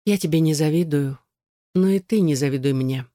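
A frail old woman near death, bitter and grieving, her words coming quiet and sorrowful, as a male audiobook reader voices her. The voice sits fairly high and sounds dry and close, with no room around it. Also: normal speed, dry recording, close to an everyday voice. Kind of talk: audiobook reading.

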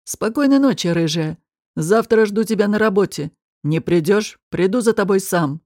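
A woman reading an audiobook voices a domineering, menacing man who talks in a low, slow, mocking, threatening way. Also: animated, a little mellow, dry recording, studio quality, lightly acted.

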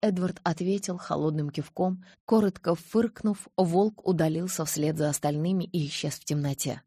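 A woman narrating a novel in the first person, expressive and lively. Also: fairly low pitch, moderate pace, husky, no echo, clean studio sound. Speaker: audiobook narrator.

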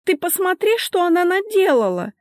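Woman doing a spiteful young wife, high and shrill, snappy and indignant. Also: sing-song, normal speed, darkish tone, no echo, clean studio sound.

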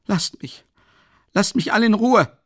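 A man voicing a distraught young male student who shouts frantically, begging to be left alone. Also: measured pace, slightly rough, no echo, clean studio sound. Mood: frantic. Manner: screaming, frantic and high-strung.

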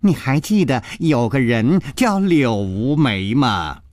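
A man's voice: mid-range voice, animated, takes it slowly, a little mellow, dry recording, studio quality. A man doing a wry, witty male hero.

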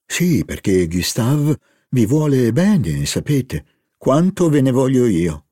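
A man's voice: mid-range voice, big pitch swings, takes it slowly, warm tone, no echo, studio quality, voice pushed up. A man reading an audiobook, voicing a scheming older society hostess with a coaxing, theatrical manner.

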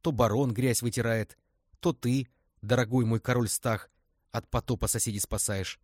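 A man reading aloud and voicing a headstrong young woman, a witch, in a sharp, indignant tone. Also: mid-range voice, fairly even intonation, moderate pace, dry recording, studio quality, pitched above the performer's own voice, natural voice. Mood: tearful.

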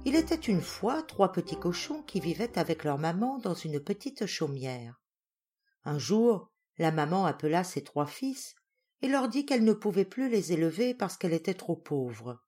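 A woman narrating a traditional fairy tale as an audiobook reader, in an expressive storytelling way. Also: on the low side, moderate pace, husky, faint music behind. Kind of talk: storybook reading.

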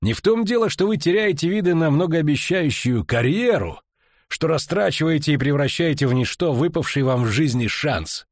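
A man's voice: fairly high pitch, lively intonation, normal speed, no room sound, clean studio sound, voice pushed up. A man reading an audiobook, voicing a menacing middle-aged coroner who drawls with venom and threats. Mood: venomous.

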